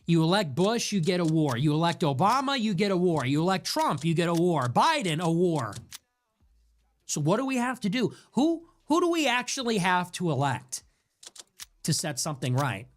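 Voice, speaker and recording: A man's voice: high-pitched, sing-song, normal speed. Young man ranting with fiery rhetorical questions. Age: young adult. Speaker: show host. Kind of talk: impassioned ranting monologue. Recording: noisy background.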